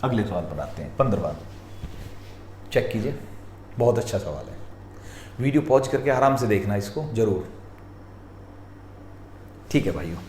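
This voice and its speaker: A man teaching reasoning practice questions, walking through each answer step by step and telling viewers to pause and look carefully. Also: fairly low pitch, expressive, a little mellow. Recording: echoey room, faint noise.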